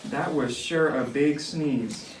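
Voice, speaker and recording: A man's voice: fairly high pitch, slow pace. A man voicing a playful, friendly puppet named Simon in a church puppet skit. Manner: playful, easily startled. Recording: echoey room, distant mic, faint noise.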